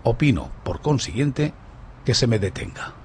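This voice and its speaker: A man's voice: mid-range voice, big pitch swings, moderate pace, darkish tone, slight background noise, lightly acted. A man playing a taciturn, defiant young traveller accused of theft in a dramatized story. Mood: coolly defiant. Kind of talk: dramatized audiobook dialogue.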